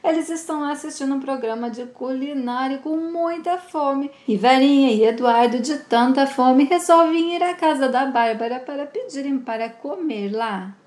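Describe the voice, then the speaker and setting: A woman's voice: high-pitched, moderate pace, few pauses, a little mellow. A woman casually retelling a soap opera episode, speaking of the characters with fond, pitying diminutives. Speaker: narrator of soap opera recaps. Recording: roomy echo.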